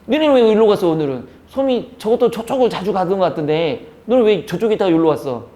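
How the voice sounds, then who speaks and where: A male teacher giving a classroom lecture, teasing and scolding his students as he teaches, now and then acting out their reactions in squeaky voices. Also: expressive, fast talker, mellow.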